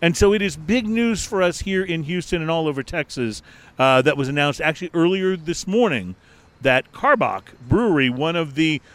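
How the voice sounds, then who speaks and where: Man, American accent, slightly high voice, chatty podcast host, upbeat, unscripted. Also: lively intonation, normal speed, fairly bright tone. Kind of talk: unscripted talk show hosting. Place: outdoor restaurant terrace.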